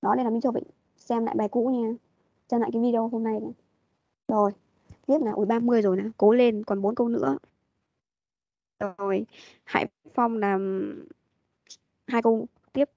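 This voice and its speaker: A woman's voice: a little high, steady tone, moderate pace, pauses often, warm tone, no room sound. A woman teaching an online English class, patiently prompting and repeating her questions over a video call. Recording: dull lo-fi meeting audio.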